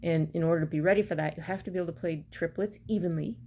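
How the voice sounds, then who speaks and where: Lower-voiced middle-aged woman teaching music. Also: very fast, warm tone. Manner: step-by-step, counting out beats. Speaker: bagpipe practice chanter teacher. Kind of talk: instructional music lesson to camera. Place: small room at home, indoors. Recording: clear background noise, home recording. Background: metronome clicks at times, room noise.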